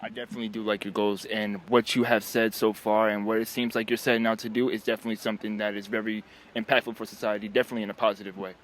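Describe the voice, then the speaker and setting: A man's voice: fairly low pitch, level tone, rapid-fire. A man from South Carolina interviewing people on the street, upbeat and polite with formal phrasing.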